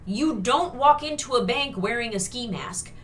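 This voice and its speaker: A woman's voice: a little high, lively intonation, moderate pace, recorded from a distance, slight background noise. A woman co-hosting a casual review chat, talking in a sarcastic way with many fillers. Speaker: co-host reviewing a TV episode.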